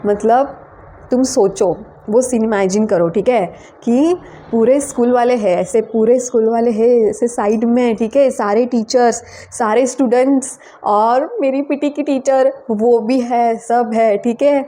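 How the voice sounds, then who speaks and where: A young woman tells a story from her own life in a casual vlog. Her voice sits a little high and sounds soft and mellow, never sharp. She talks in a chatty, animated way and leans on casual fillers. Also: a little slow. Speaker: vlogger.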